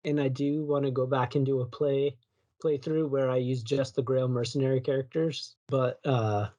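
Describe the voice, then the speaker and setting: A man's voice: mid-range voice, steady tone, moderate pace, mellow, dull audio. A man co-hosting a podcast, chatting casually about video games in a rambling, self-correcting way. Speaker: podcast co-host.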